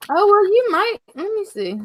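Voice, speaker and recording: A woman's voice: very high voice, very animated, moderate pace, background noise. A woman shop owner chatting casually on a live stream, gushing and full of filler likes.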